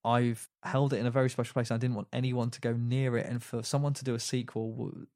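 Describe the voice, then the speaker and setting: A man's voice: mid-range voice, level tone, quick pace, darkish tone, dry recording, studio quality. A man hosting a casual film podcast, chatty, with frequent fillers and restarts. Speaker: podcast host.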